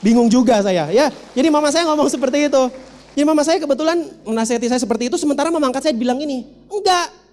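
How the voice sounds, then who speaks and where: A man's voice: very high voice, lively intonation, racing, a little mellow. A man giving a storytelling seminar talk as a motivational speaker, humorous and speaking straight to his audience. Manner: humorous, addresses the audience directly. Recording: reverberant hall.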